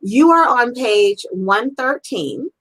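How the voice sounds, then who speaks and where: A woman's voice: on the high side, animated, takes it slowly, fairly bright tone, low-quality recording. A woman hosting a live-streamed interview, talking in an effusive, upbeat and encouraging way. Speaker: interview host.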